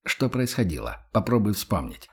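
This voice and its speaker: A man's voice: fairly low pitch, big pitch swings, moderate pace, husky, heavily acted. A man as a weary, guarded young man. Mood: probing. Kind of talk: audiobook character voice.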